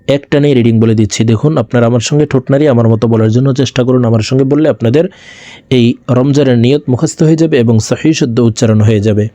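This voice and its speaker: A man teaching viewers to recite a fasting intention, speaking slowly and drawing out each phrase for them to repeat. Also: medium pitch, mellow, no room sound. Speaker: religious teacher. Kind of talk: slow recitation lesson.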